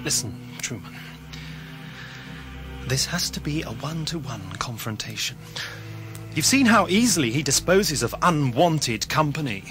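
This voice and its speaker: An actor playing a grave, protective time-travelling mentor in an audio drama, earnest, articulate and theatrical. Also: male voice, on the high side, big pitch swings, unhurried, pauses often, music in the background. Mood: urgent, pleading.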